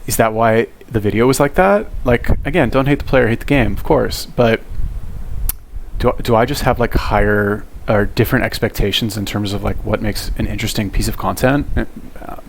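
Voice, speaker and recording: A man giving casual, rambling online commentary in a halting, conversational way, with frequent swearing. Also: on the low side, slight background noise.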